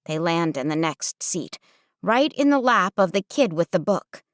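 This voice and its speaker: A woman narrating a first-person audiobook with wry, expressive storytelling. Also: fairly low pitch, unhurried, no echo, clean studio sound.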